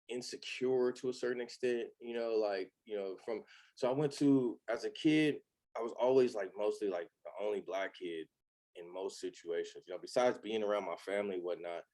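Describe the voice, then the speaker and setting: Guest: man in his thirties, lowish voice, loose and candid, full of fillers. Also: normal speed, long pauses, darkish tone. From Los Angeles. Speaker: podcast guest. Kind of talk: casual chat.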